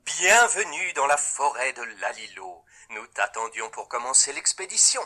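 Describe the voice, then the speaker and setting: A man reading scripted instructions to a child in a reading app, clearly articulating and dictating single words. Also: mid-range voice, very animated, normal speed, pushed and bright.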